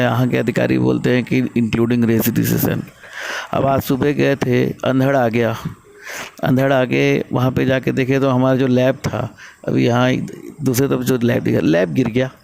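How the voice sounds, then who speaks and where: A man's voice: mid-range voice, a little slow, vocal fry. A man casually narrating a vlog as he walks around a construction site, explaining the machine work. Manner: relaxed, explanatory, chatty. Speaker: vlogger showing construction work.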